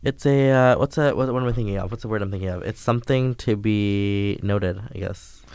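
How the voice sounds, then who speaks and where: A man's voice: fairly low pitch, brisk, vocal fry, darkish tone, clean tone, dry recording. A man co-hosting a podcast, chatting casually, giving short agreeing replies and sometimes fumbling for words. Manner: short backchannels, searching for words. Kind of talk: casual chat.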